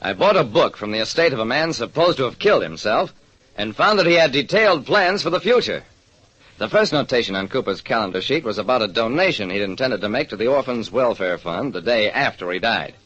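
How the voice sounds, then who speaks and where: On a muffled old radio recording, a man narrates and stars as a shrewd, wry hardboiled private detective, his mood probing. His medium-pitched voice is animated, a bit bright, and fairly quick.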